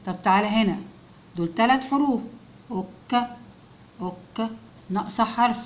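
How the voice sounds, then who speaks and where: A woman with an Egyptian Arabic accent teaching a children's English lesson, patiently repeating words slowly so the children can echo them. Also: fairly high pitch, dull audio.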